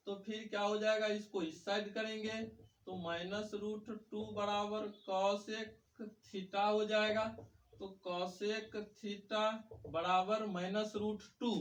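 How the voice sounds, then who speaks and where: High-voiced man teaching in an echoey room. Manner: poses questions and answers them himself. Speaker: math teacher. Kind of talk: whiteboard lecture. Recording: echoey room, mic far off.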